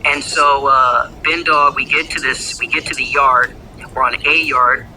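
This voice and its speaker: A man's voice: medium pitch, fairly even intonation, a little slow, bright, forceful tone, slight background noise, rough recording. A man telling his own story in a casual, rambling way, heavy on slang and swearing. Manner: profane, slangy, rambling with fillers. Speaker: former gang member telling his story.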